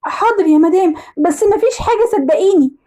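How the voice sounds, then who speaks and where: A woman's voice: very high voice, lively intonation, quick pace, dark tone, voice pushed up. A woman voicing a nervous, evasive housemaid in a storybook tale, deferential with an Egyptian Arabic accent. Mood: flustered. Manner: flustered, deferential.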